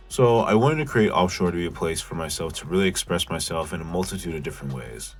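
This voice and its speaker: A young man with a deep, nasal voice reads his own vlog script in a casual, self-mocking way. He now and then bursts into loud rants, with soft music playing underneath. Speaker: YouTube channel host.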